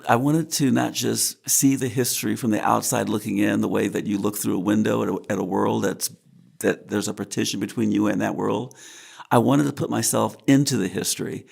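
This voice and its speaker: A man being interviewed as a historical reenactor, speaking in a measured, thoughtful way. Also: lowish voice, vocal fry, breathy edge. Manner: measured, thoughtful, builds ideas step by step. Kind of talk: reflective interview answer.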